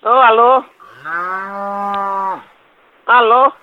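Man doing a high, curt woman, grumpy and insulting, over a tinny, dry phone line. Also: flat delivery, drawn-out words, a little hiss or hum, heavily acted.

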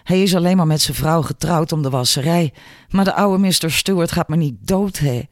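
A man's voice: on the high side, fairly quick, dry recording, close to an everyday voice. Man putting on a cocky laundry woman, sassy and taunting, raised voice, dry sound. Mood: conspiratorial. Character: sharp-tongued cocky female laundry worker.

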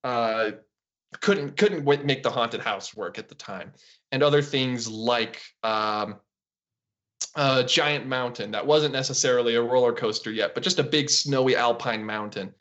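A man co-hosting a podcast over a video call, chatting casually and laughing between quick asides. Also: medium pitch, a bit bright, muffled recording. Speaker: podcast co-host. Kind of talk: casual chat.

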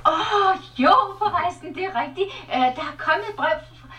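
An actress playing a chirpy, fussing housewife, in a film scene. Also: female voice, very high voice, lively intonation, fairly bright tone. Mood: chatty.

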